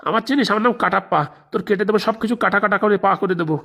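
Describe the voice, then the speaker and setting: A performer voicing a menacing male henchman in a comic cartoon, gruff and threatening. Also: medium pitch, rapid-fire, pushed and bright.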